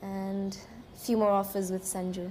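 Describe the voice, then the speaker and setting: A young woman from Hong Kong, a film actress, answering interview questions in short, soft replies with frequent giggles. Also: mid-range voice, little pitch movement, normal speed, slight background noise. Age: young adult.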